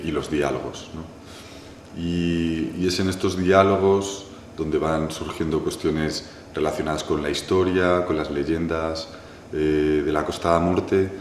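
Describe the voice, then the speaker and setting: Very deep-voiced filmmaker, reflective. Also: male voice, slight background noise. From Galicia, Spain. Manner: thoughtful, many pauses, restarts and "¿no?" tags. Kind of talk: reflective interview answer. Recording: echoey room with faint ambience.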